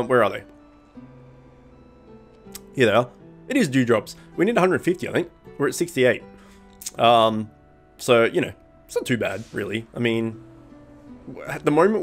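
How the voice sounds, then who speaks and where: Congested from a cold, his nose blocked, a young man hosting a gaming channel gives casual commentary over gameplay at a medium pitch. His talk rambles with many ums and self-corrections, and a faint music bed sits beneath it.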